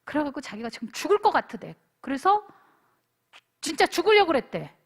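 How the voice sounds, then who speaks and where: High, lively woman preaching to teens. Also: a little fast. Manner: animated, calls for amens; storytelling, acts out dialogue. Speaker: pastor. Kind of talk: youth retreat sermon.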